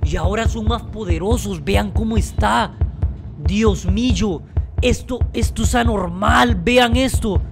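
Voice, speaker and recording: A man giving excited gameplay commentary, with frequent dramatic, startled shouts. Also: high voice, a little slow, creaky, music in the background. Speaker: gaming YouTuber.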